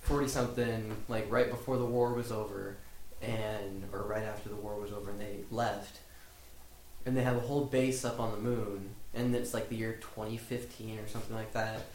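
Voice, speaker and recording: A man's voice: fairly low pitch, steady tone, moderate pace, darkish tone. Young guy rambling about a movie w/ lots of "like", roomy echo, bit of hiss. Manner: rambling, filler-heavy retelling, swears often. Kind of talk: casual chat among friends. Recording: echoey room, faint noise.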